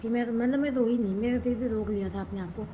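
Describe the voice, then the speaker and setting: A woman's voice: fairly high pitch, steady tone, fast, highs cut off. A young woman vlogger telling a personal story in a chatty, rambling, emotional way. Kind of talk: casual storytelling vlog. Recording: background noise.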